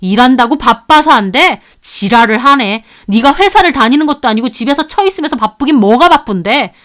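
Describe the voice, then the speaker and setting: A woman's voice: sits high, expressive, fairly quick. A woman doing a shrieking rude sister-in-law. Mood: furious. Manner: abusive, yelling.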